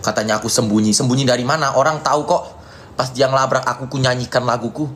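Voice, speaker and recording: An Indonesian man ranting on a live stream, hurling insults and mocking taunts in a repetitive tirade. He keeps answering viewer comments and dropping "ya" between lines, at a mid-range pitch with a faint hiss of background noise. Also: fairly even intonation, quick pace, a bit bright. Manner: repetitive, peppered with "ya".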